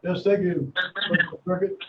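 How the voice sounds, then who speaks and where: A man's voice: high-pitched, steady tone. A man sounding like he's in a well. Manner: halting, many filler pauses. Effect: distant, muffled, as if speaking from inside a well. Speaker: mayor. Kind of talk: administrative report at a council meeting. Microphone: remote call-in line. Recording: distant muffled call-in line with faint noise.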